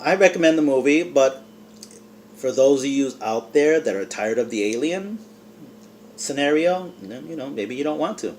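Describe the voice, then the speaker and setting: A man's voice: a little high, darkish tone, a little hiss or hum. A man giving a rambling, casual movie review to camera, full of fillers. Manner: eating and talking with mouth full.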